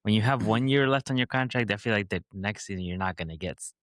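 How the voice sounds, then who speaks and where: Low-voiced man in casual football chat. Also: fast talker, a bit bright, no echo, studio quality. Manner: rambling, thinks aloud with fillers. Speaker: podcast co-host.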